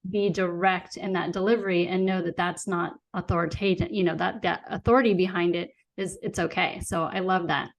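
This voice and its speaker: A woman's voice: lowish voice, fairly even intonation, fairly quick, few pauses. A woman hosting a podcast, talking in an affirming, conversational way with her guest. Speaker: podcast host. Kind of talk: casual podcast interview.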